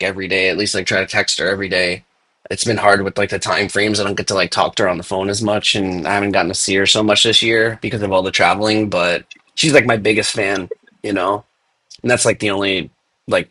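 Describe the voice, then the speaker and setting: A man's voice: on the low side, sharp tone. A young man hosting a casual crypto chat, laid-back and filling his talk with "dude" and "like". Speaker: podcast host.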